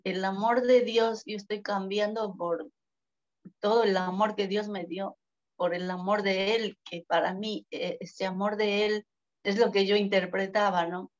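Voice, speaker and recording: A woman giving a halting, earnest personal testimony at a church Bible study, repeating her pleas. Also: mid-range voice, muffled recording.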